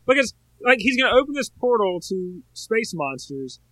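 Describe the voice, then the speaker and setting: A man co-hosting a podcast, chatting casually about a movie in an animated, rambling way. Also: high voice, normal speed, no echo. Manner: animated, rambling, full of filler words. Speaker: podcast co-host. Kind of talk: casual movie review chat.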